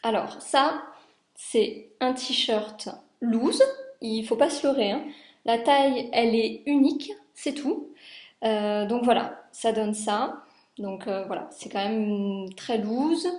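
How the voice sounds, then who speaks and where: A young woman from France talks through her homemade clothes in a relaxed, rambling vlog. Her voice sits a little high, and she fills pauses often as she points out the details. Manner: chatty, many fillers, shows garments. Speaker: sewing vlogger. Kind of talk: casual chat.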